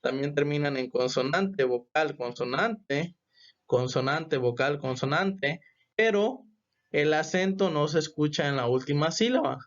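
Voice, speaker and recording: A man teaching a grammar lesson, explaining step by step and often checking with a quick question. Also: on the high side, animated, muffled recording. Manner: patient, repeats "¿ok?" to check understanding. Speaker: English teacher.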